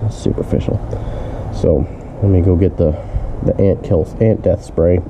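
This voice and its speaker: With a low voice at normal speed, stuffed up and nasal from a cold, a hobbyist mechanic rambles casually while doing car repairs. Fillers pile up and he curses mildly. An action camera records it all in dull, noisy lo-fi audio.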